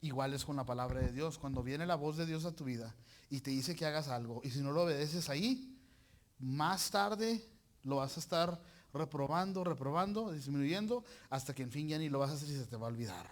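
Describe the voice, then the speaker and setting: Lively preacher with a raised voice. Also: male voice, a little high, a little fast. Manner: animated, joking, uses colloquial slang. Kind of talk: sermon.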